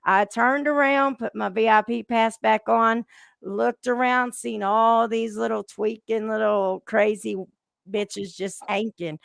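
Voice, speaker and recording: A brash woman hosts a casual podcast chat, trading salty stories. Her voice has a heavy gravelly fry. The sound is dry and close, with no room around her. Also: on the high side, steady tone, slow, no room sound. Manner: brash, salty storytelling with laughs. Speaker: podcast host.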